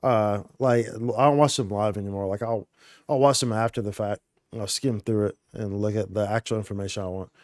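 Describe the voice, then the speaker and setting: A man's voice: fairly low pitch, fairly even intonation, brisk, a little mellow, no room sound, clean studio sound. A male streamer chatting casually over gameplay in a rambling, slangy way, full of "dude" and "like".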